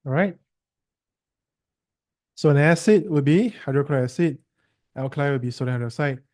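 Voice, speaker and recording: A man's voice: a little high, moderate pace, a little mellow. A man with a Singaporean English accent tutoring a student through a science lesson, quizzing him and teasing him in a chatty way.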